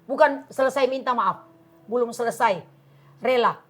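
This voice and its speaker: A woman's voice: on the high side, normal speed, fairly bright tone. Fervent woman pastor in her fifties. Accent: Indonesian. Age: 50s. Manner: fervent, emphatic preaching, addresses listeners as saudara. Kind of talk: sermon-like testimony on TV talk show.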